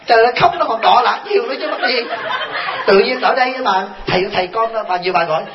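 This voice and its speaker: Joking monk giving a talk. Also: male voice, very high-pitched, quick pace, a loud crowd. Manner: folksy, joking, rhetorical questions. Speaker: Buddhist monk teacher. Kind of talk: dharma talk at a retreat. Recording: dull lo-fi recording.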